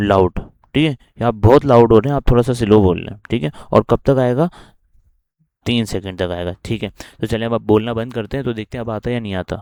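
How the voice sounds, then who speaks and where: A man's voice: medium pitch, darkish tone, clean tone, dry recording, clean studio sound. A man with a Pakistani accent teaching a coding lesson while recording his screen, walking through each step and often checking in with the listener.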